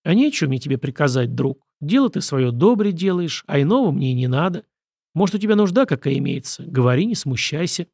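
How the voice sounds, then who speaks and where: A man's voice: a little high, sing-song, a little mellow, no room sound, studio quality. A man reading the part of a witty, easygoing young prince with a wry manner. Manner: wry, quick-witted.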